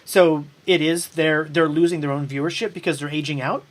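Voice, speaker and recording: A woman's voice: sits low, steady tone, brisk. A woman hosting a casual online panel chat about television, talking in a rambling way with plenty of ums. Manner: rambling with fillers and restarts. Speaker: host.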